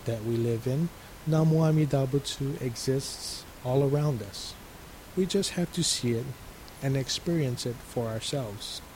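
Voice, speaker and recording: A male resident minister giving a calm, measured radio sermon and reading a letter. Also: medium pitch, slight background noise, rough recording.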